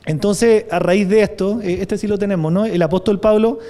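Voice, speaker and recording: Chilean pastor, male, high mellow voice; conversational sermon, reads scripture with force. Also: steady tone, normal speed. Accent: Chilean Spanish. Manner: conversational preaching with frequent rhetorical tag questions.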